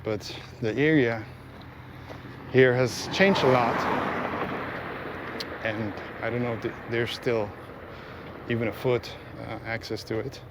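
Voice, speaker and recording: A man's voice: mid-range voice, fairly even intonation, slow, long pauses. A man giving casual, rambling commentary as he hosts a walking vlog outdoors. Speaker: vlog host. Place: outdoors, walking along a road. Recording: faint outdoor ambient and vehicle noise. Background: faint ambience, vehicles.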